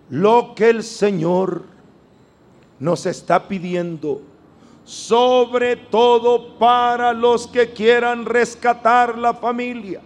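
A man preaching a sermon to a congregation, emphatic and drawn out, calling on them to repeat after him. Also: sits high.

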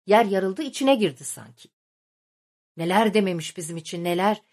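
A woman's voice: medium pitch, expressive, normal speed, a little mellow, close to an everyday voice. A woman reading the lines of an angry male village headman in an audiobook, muttering curses and threats. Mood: grumbling, vengeful.

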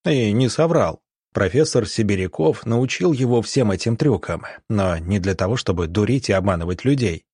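A man narrating an audiobook in a steady, even storytelling manner. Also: fairly low pitch, husky, no echo, studio quality. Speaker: audiobook reader.

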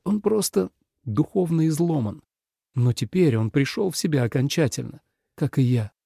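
A man reading an audiobook voices a composed young courtier who speaks slightly above the narrator's pitch. Measured and cool, he stays resolute, with a gravelly texture in a dry, close recording. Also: no echo, exaggerated voice. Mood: calm. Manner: calm, measured, cold and resolute. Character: calm, firm young man, emperor's foster brother. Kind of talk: audiobook character voice.

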